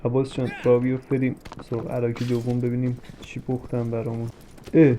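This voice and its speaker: A young man giving comic commentary while he plays a game. He talks to the characters on screen and jumps from mock soothing to sudden shouting. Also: medium pitch, monotone, rough recording. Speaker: gameplay commentator. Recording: game music under the voice. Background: game music.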